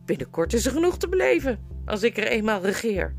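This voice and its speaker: A woman's voice: fairly high pitch, very animated, a little fast, gravelly, pitched above the performer's own voice. A woman voicing a proud, cruel adult queen in an audiobook, speaking in a haughty, commanding and scornful way. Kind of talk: audiobook character voice. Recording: music playing underneath.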